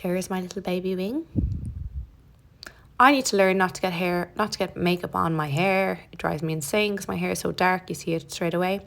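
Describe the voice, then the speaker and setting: A young woman talks through her makeup routine in a relaxed, chatty tutorial voice. There's a touch of vocal fry and grit in her tone, and she drops in easygoing, self-deprecating asides. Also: fairly low pitch, fairly quick. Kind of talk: casual narrated tutorial.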